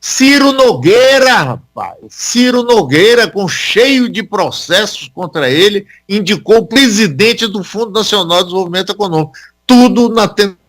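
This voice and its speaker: A male interviewer puts questions to a guest in a radio interview. His voice is fairly high, and the sound is dry and close. He speaks in an animated, exclamatory way, often saying "rapaz". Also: moderate pace, no room sound.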